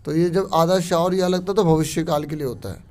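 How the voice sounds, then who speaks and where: A man teaching a worksheet lesson to students, reading passages slowly and then explaining them in quick, casual talk with frequent check-ins. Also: on the high side, fairly even intonation, darkish tone.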